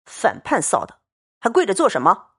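A woman's voice: mid-range voice, huge pitch swings, moderate pace, a bit bright, breathy edge, exaggerated voice. A woman doing a playful doting young nobleman. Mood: flustered. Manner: teasing, then pleading.

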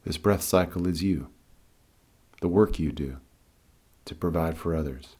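A man leading a guided meditation in a calm, soothing, unhurried way. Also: very deep voice, breathy edge. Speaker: guided meditation and breathing teacher.

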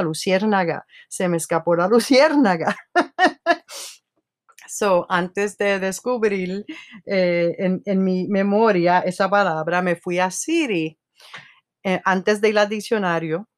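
A woman hosting a podcast with a New York Spanglish accent, chatting casually, laughing often and slipping into English. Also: lowish voice. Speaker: podcast host.

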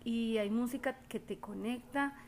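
A woman chatting casually, expressive and animated as she tells stories, softer and musing when she reflects. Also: a little high, a little slow, slight background noise. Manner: expressive, animated storytelling with put-on quoted voices. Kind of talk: casual chat.

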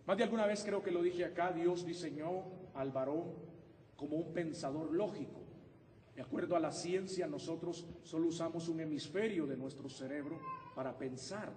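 High-voiced man preaching in echoey hall. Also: moderate pace, recorded from a distance, slight background noise. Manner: animated and humorous, acting out husband-wife exchanges. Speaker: pastor. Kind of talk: sermon. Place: church sanctuary.

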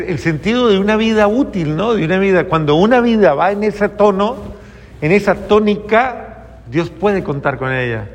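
A man preaching a homily to a congregation, asking them questions and acting out quoted replies in soft voices. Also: high voice, big-room sound. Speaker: priest.

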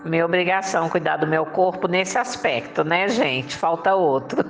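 A woman's voice: fairly low pitch, moderate pace, faint music behind. A woman giving a motivational monologue, coaxing listeners with rhetorical questions and frequent laughs. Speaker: motivational speaker.

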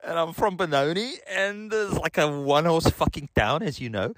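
This video message maker, a middle-aged South African with the accent to match, talks at a normal pace in a fairly high, slightly bright voice. He rambles casually, cursing and mocking himself, into a handheld recorder with no echo.

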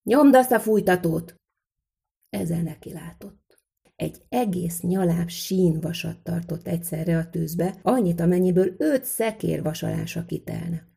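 A woman's voice: on the low side, creaky, mellow, husky. A woman reading a folk tale aloud in a vivid, rhythmic storytelling manner.

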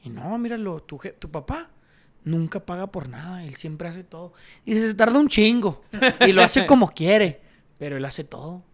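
Un hombre con acento mexicano que platica de manera informal y cuenta anécdotas con mucha jerga callejera, repitiendo frases. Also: male voice, high voice, lively intonation, moderate pace. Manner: slangy northern-Mexican street talk, repeats phrases. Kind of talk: casual chat with slangy storytelling.

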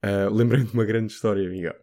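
A man's voice: on the low side, fast talker. A young man from Portugal, casually telling a story to a friend and acting out the voices of the people in it. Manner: animated storyteller, acts out voices of people in his story, many fillers.

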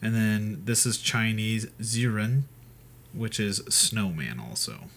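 A man's voice: lowish voice, slow, fairly bright tone, a little hiss or hum. A young man co-hosting a casual podcast, joking around and reading facts aloud in a laid-back way. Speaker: podcast co-host. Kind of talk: casual chat.

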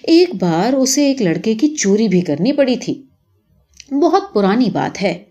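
A woman narrating a literary short story, reading expressively and giving the characters lively voices. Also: on the high side.

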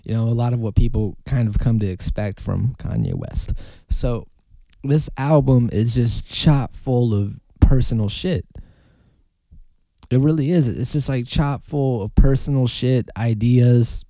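A young man hosts a casual solo podcast, rambling loosely and swearing freely. His voice is mellow and medium in pitch, his pace a little slow, and the recording is dry.

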